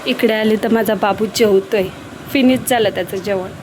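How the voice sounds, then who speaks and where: A woman's voice: mid-range voice, steady tone, normal speed, noisy background. A young woman chatting casually through her daily home vlog, teasing and proud of her bargaining. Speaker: vlogger, homemaker.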